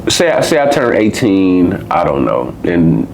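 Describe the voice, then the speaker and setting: A man's voice: deep voice, huge pitch swings, measured pace, a little mellow, slight background noise. An American man in his twenties or thirties, co-hosting a podcast, rambling and profane in casual conversation. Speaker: podcast co-host.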